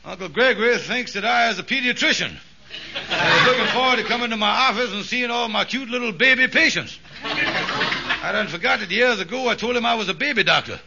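An actor playing a boastful, scheming, fast-talking male con man in an old radio sitcom, on a lo-fi recording. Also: very high voice, creaky, background noise. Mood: worried. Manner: blustering, fast-talking, wheedling. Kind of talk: 1950s radio sitcom acting.

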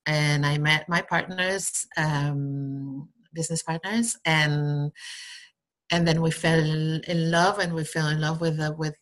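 Low-voiced woman with a Basque Spanish accent. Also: fairly even intonation, a bit bright. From Basque Country, Spain. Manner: halting, rambling, tags phrases with "no?". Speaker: interview guest, entrepreneur. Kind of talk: casual conversational interview answers.

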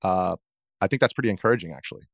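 A thirties-aged video journalist, guesting on a casual interview, speaks in a fairly low, gravelly voice at a racing clip. His answers wander loosely as he gropes for what to say, captured close-miked and dry with no echo.

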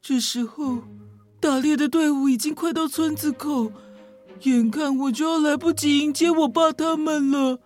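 A woman's voice: high voice, fairly even intonation, normal speed, darkish tone, faint music behind, natural voice. A woman with a Taiwanese Mandarin accent voicing a lost, wistful dove who was once a girl, telling her tale earnestly.

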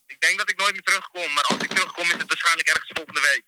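A man's voice: fairly high pitch, racing, background noise. Een man die ontspannen via een gesprek op afstand een anekdote vertelt. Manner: laid-back, storytelling. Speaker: remote guest. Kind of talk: casual chat over a call.

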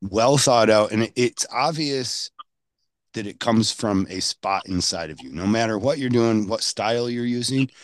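A man hosting a casual interview, rambling with halting restarts. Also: on the low side, dry recording. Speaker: podcast host.

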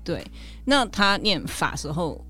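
A woman, a high school teacher guesting on a podcast, telling stories animatedly and laughing at her own jokes. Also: big pitch swings, slow, sharp tone, soft background music. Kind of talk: casual podcast chat.

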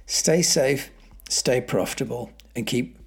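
Husky-voiced man hosting a podcast. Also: mid-range voice, slow pace. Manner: conversational, with frequent fillers and restarts. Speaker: podcast host. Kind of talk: solo podcast monologue.

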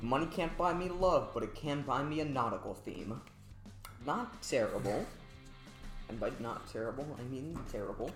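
A young man reading game cards aloud with friends in a dry, unhurried way. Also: medium pitch, animated. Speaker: card game player. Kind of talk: casual chat. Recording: echoey room with faint music.

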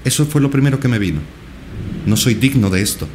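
A man's voice: medium pitch, fairly quick, darkish tone, slight background noise. A male podcast guest earnestly recounting a personal experience, with many repetitions. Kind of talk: personal storytelling in a podcast interview.

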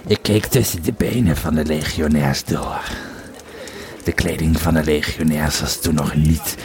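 In an amateur audio drama, a man plays a very deep-voiced, tipsy Roman legionary veteran recounting old war tales while reminiscing. His delivery is halting drunken musing with hesitations, in a steady, slightly mellow tone, with crowd chatter behind him.

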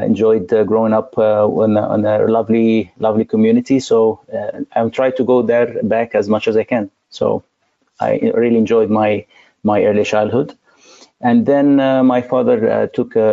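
A man from Egypt with a low, gravelly, dark-toned voice, answering as an interview guest. He speaks thoughtfully, pausing often and filling gaps. The audio sounds dull and lo-fi, like a remote call. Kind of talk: interview conversation.

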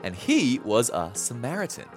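A male pastor giving a bilingual sermon, telling the story in an animated way and pausing for his interpreter. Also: medium pitch, faint music behind. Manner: animated storytelling, chuckles often.

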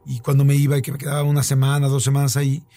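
A man's voice: medium pitch, monotone, very fast, mellow. A man with a Mexican accent telling a long story in casual chat, with many fillers and repeats.

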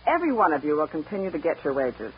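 An actress playing a brisk, earnest young Eastern woman who has taken charge of her ranch, in 1940s radio acting. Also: deep voice, very animated. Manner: firm, decisive, earnest. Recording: dull old radio broadcast with faint hiss.

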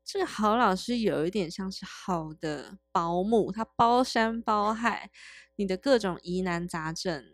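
A woman from Taiwan, chatting casually, tossing in quick witty remarks and thoughtful explanations. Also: mid-range voice, no room sound, soft background music. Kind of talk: casual chat.

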